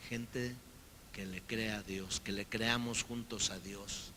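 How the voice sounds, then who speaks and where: A man preaching a sermon as pastor, lively and acting out the people he quotes. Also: lowish voice, slow pace, slight background noise.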